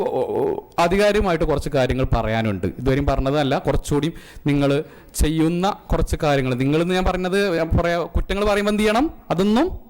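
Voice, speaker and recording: Chatty Malayali man teaching a class. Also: on the high side. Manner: asks the audience questions and jokes. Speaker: emotional intelligence class instructor. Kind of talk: interactive classroom lecture. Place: community centre classroom.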